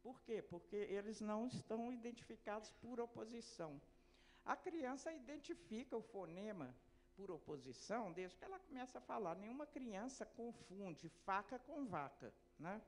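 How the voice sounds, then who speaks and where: A woman's voice: fairly high pitch, sing-song, normal speed, a little hiss or hum. A woman giving an academic lecture on early literacy. She explains step by step, posing rhetorical questions and answering them herself.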